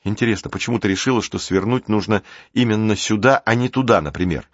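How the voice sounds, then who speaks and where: A man's voice: lowish voice, fast, no echo. A man reading the part of a sceptical teenage boy who grumbles and teases, in a dry, dull recording. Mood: questioning. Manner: grumbling, teasing.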